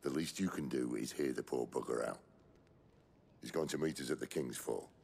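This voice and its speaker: An actor playing a gruff, sardonic, commanding rebel leader in a video game, with a gravelly British voice and a dry, blunt way of talking. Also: male voice, rumbling low, moderate pace, darkish tone, a little hiss or hum. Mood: firm, persuasive.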